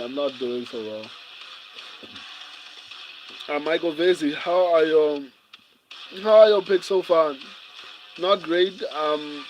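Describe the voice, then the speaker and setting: A man, hosting a casual watch-along stream and reading viewer comments aloud in a relaxed, chuckling way. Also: fairly high pitch, a little hiss or hum. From South Africa. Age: 30s. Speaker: livestream host.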